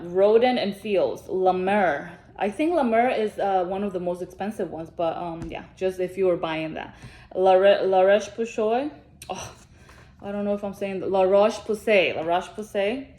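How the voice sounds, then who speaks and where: Woman beauty vlogger, casual rambling chat, medium pitch, echoey room sound. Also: darkish tone. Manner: rambling, many fillers and restarts. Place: travelling, on vacation.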